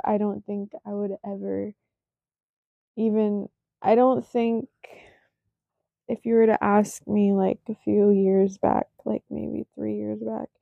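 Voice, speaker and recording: This is a casual solo podcast from a host in her twenties whose voice sits on the high side and sounds gravelly. Sleepy and yawning, she rambles slowly and self-consciously with lots of fillers, over a dry, tinny, phone-like recording.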